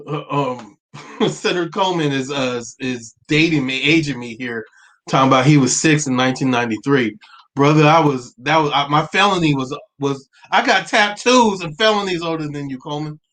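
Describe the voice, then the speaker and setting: A man in his forties hosting a live-streamed talk, earnest and halting, stopping often to restart and to read out viewer comments. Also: on the high side, fairly bright tone. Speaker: livestream host.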